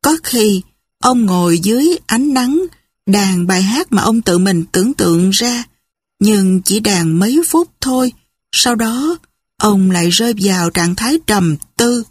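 A woman reads a first-person story slowly and softly, her voice breathy and close. The sound is dry, with no room around it. She lets each phrase settle before moving on. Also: medium pitch, lively intonation, no room sound. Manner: slow, soft, unhurried reading. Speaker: narrator.

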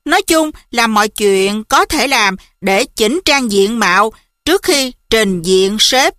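Expressive woman audiobook narrator, bright tone, close and dry. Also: on the high side, slow, no echo. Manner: lively, expressive first-person narration. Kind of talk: storybook narration.

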